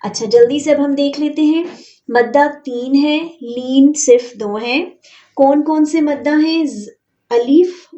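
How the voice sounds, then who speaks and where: A woman teaching an online Quran reading lesson, explaining each rule step by step and drawing out example words slowly. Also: a little high, darkish tone.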